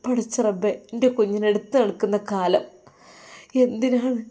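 A woman plays an aging father sick with worry over his son, speaking Malappuram Malayalam in a pleading, prayerful way. The lines come a little lower and softer than the narration. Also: normal speed, natural voice. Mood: anguished. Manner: pleading, prays aloud to God.

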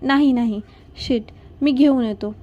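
A woman's voice: high voice, unhurried, dull audio. A woman reading as a tender young husband. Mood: gentle. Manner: soft, gentle, coaxing. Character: tender young man comforting his wife. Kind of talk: storybook reading.

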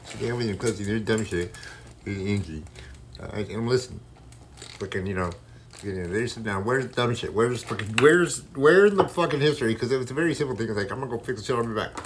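A man's voice: fairly low pitch, animated, fast talker, slight background noise. A man freestyle rapping and ranting in a rambling, combative, heavily profane way.

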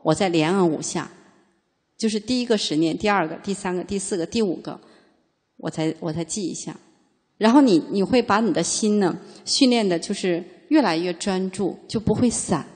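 A woman Buddhist teacher giving a dharma lecture, reading classical lines slowly and then explaining them in chatty plain talk, with frequent fillers and questions to her listeners. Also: mid-range voice, darkish tone, breathy edge, long reverb tail.

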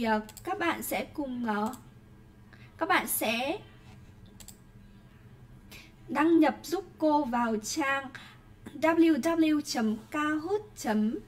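High-voiced Vietnamese woman teaching English. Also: a little hiss or hum. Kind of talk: online class teaching.

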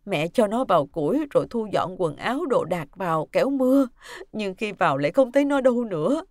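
Woman doing an elderly grandmother, shrill, irritable, panicky, high, swooping voice, dry recording. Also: dry recording. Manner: shrill, cries out loudly. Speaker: mother-in-law character.

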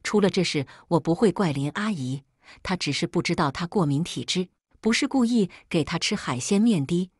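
A woman with a lowish voice tells a domestic drama in the first person. Her tone is husky and a little breathy, and the dry recording has almost no room sound. She keeps an even, measured storytelling pace throughout. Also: dry recording. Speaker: narrator.

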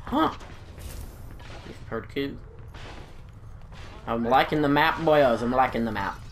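With a slow pace and a mid-range voice, a young man whose nose and throat are stuffed up rambles through casual commentary on a video game he's playing. This gaming YouTuber keeps apologizing and running himself down, with slight noise in the background.

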